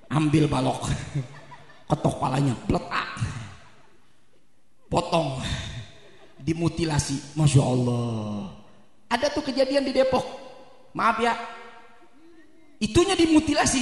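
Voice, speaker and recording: High bright-voiced preacher in echoey hall. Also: male voice. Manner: joking, asks the crowd "right?". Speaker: Islamic preacher. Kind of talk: comedic sermon to a crowd. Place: community event hall. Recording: echoey hall with long reverb.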